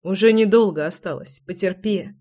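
A woman reading aloud and voicing a tender, teasing young husband in a soft murmur. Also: moderate pace, close to an everyday voice. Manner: hushed, low murmur.

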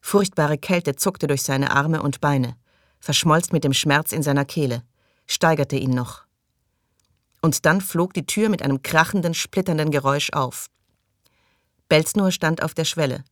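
A man reading an audiobook aloud in measured, dramatic storytelling. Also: a little high, fairly bright tone, dry recording, clean studio sound. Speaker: audiobook reader. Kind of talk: scripted narration.

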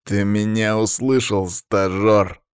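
A man's voice: lowish voice, steady tone, takes it slowly, clean tone, no echo, studio quality. A man reading an audiobook voices a hostile, mocking male mage who speaks in a grating voice through clenched teeth. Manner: mocking, threatening.

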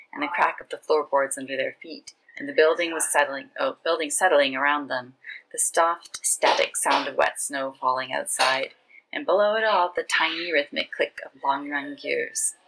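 A woman casually reading fiction aloud, relaxed and chatty, stopping to correct herself. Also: deep voice, normal speed, vocal fry, low-quality recording. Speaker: reader.

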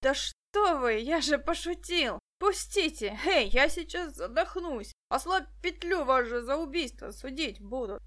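A woman voicing a short, shifty male thug with a hoarse, rasping voice who talks gruffly. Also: fairly high pitch, normal speed, hardly any pauses. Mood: whining. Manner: gruff, shouts in bursts.

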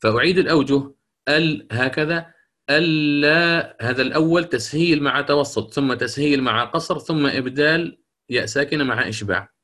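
A middle-aged man lecturing on Quran recitation rules, asking questions and answering them himself, and chanting verses slowly as examples. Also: on the high side, pushed and bright.

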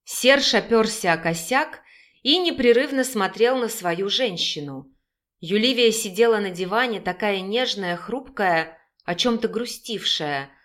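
Woman, audiobook narrator, scripted narration, steady measured delivery. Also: mid-range voice.

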